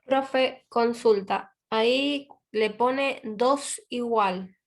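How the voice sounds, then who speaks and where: A woman student asking her teacher a question in class, hesitant and halting. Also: a little high.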